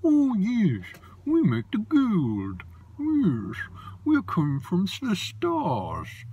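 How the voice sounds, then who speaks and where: A man voicing an odd little gold-making underground creature in a high, drawn-out, sing-song voice, heard a little away from the mic. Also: wildly swooping pitch, mellow, breathy edge, lo-fi sound, heavily acted. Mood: cheery, eager.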